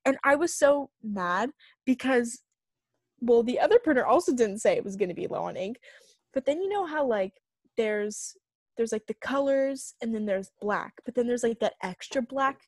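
A young woman with a fairly high voice rambles through a story as a podcast co-host, leaning on fillers and lively retellings. The sound is close and dry, with little room around it. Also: normal speed, no room sound. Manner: chatty storyteller, filler-heavy, animated retelling. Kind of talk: casual chat.

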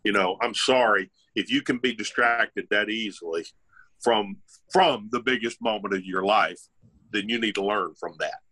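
A man's voice: fairly low pitch, moderate pace, bright, forceful tone, husky. An older man, a former tour golfer co-hosting a podcast, talking bluntly and instructively. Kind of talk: casual chat.

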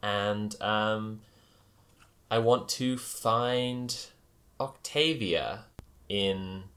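A man narrating an improvised tabletop game as game master, with a halting, hesitant delivery. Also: on the low side, fairly bright tone.

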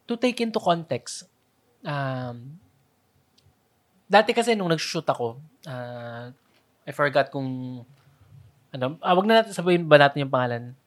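A woman's voice: low voice, expressive, a little slow, long pauses. A woman co-hosting a casual podcast chat, asking questions and mixing English into her talk. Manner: chatty, asks questions, eats chips while talking. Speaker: podcast co-host.

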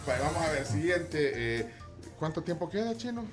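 A man's voice: a little high, very animated, moderate pace, over music. A man hosting a morning radio show, joking and laughing with his co-hosts as he introduces listeners' jokes, with speech. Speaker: radio host. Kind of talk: lively morning radio banter.

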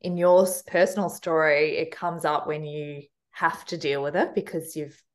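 A woman's voice: sits low, fairly even intonation, normal speed. A woman hosting a podcast interview, reflectively summarizing what her guest has said. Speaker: podcast host.

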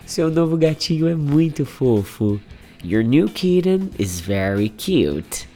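Male English teacher from Brazil, voice hoarse, lively sing-song delivery. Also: on the high side, soft background music. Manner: energetic, quick promotional patter. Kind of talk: language lesson drills.

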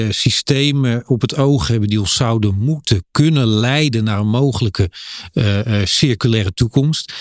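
A man hosting a podcast interview, asking questions hesitantly and filling pauses with many filler sounds while he searches for words. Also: medium pitch, no echo, studio quality. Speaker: podcast host.

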